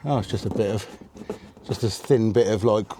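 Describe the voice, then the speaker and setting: A man's voice: lowish voice, normal speed. A middle-aged man from the UK vlogging casually inside a motorhome, muttering and grumbling to himself as he works on repairs. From United Kingdom. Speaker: travel vlogger. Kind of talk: casual self-talk while doing repairs. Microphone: camera mic set down nearby. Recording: noisy camera recording with clicks.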